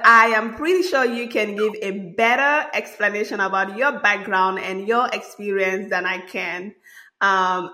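A woman speaks as the host of an interview podcast. Her voice is bright and crisp-edged, sitting at a middling pitch. She phrases questions in a loose, chatty, conversational way. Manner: informal, chatty.

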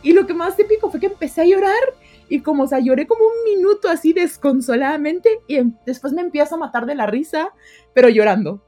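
A woman's voice: high voice, brisk, soft background music. A young woman, chatting as a podcast guest and acting out the voices in her stories. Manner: animated storyteller, acts out quoted voices. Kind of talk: casual podcast chat.

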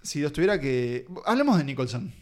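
A man's voice: on the high side, big pitch swings, a little fast. A man hosting a casual film discussion, steering the talk and rambling through his thoughts. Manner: leads the talk, rambling with fillers.

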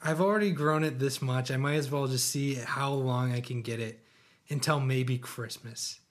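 A man's voice: mid-range voice, moderate pace. Laid-back young man co-hosting a podcast. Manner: laid-back, playful, laughs along. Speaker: podcast co-host. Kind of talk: casual comedic banter.

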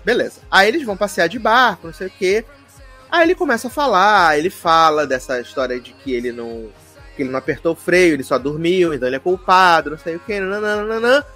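Animated high-voiced man recapping a show. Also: fast, soft background music. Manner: animated, quotes characters in playful voices, fillers like "não sei o quê". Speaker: podcast co-host recapping a series. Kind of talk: casual chat, retelling with acted quotes.

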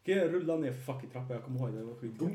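A young man hosting a podcast, casually telling a rambling, animated story and swearing a lot. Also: medium pitch. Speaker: podcast host. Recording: roomy echo.

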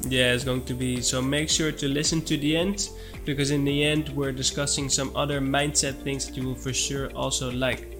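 A man's voice: mid-range voice, flat delivery, moderate pace, over music. A man hosting a real estate podcast, upbeat and friendly as he introduces a guest. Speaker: podcast host.

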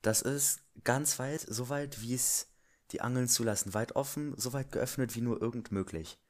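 A man's voice: mid-range voice, moderate pace. A man co-hosting a casual podcast chat, playful and teasing, often laughing. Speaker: podcast co-host.

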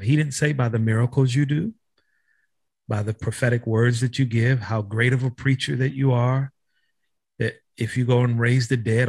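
Husky-voiced podcast host, dry sound. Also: male voice, mid-range voice, a little mellow, dry recording. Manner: earnest, quotes scripture. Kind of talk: interview with scripture teaching.

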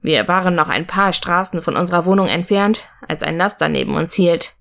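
Woman narrator, audiobook, steady even reading, lowish pitch. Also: a little fast, gravelly. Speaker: audiobook reader. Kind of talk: scripted narration.

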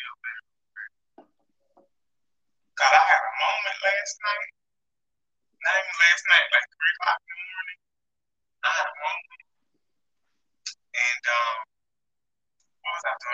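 A man's voice: lively intonation, moderate pace, long pauses, sharp tone, slightly rough, low-quality recording. Man on a glitchy robotic call line. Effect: glitchy robotic connection with jumping pitch. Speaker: podcast guest. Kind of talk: casual chat.

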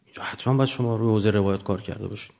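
A man's voice: on the low side, creaky, darkish tone. A man lecturing off the cuff to students, didactic, often posing questions and answering them himself.

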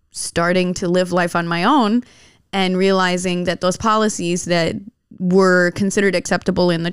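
Woman host, low-ish voice, very crisp and clean, dry close sound, measured and thoughtful. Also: no room sound. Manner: thoughtful, measured, with soft hedging fillers. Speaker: podcast host. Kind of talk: casual interview conversation.

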